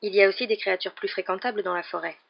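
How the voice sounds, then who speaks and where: A reader doing a calm, serious schoolboy. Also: mid-range voice, rapid-fire, creaky. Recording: dull lo-fi recording.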